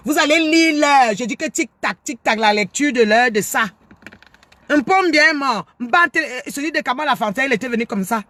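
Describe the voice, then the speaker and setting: High-voiced scolding woman. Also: normal speed, a bit bright, no room sound. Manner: scolding, lecturing, combative, repeats her points. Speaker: life coach commentator. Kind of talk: angry monologue to camera.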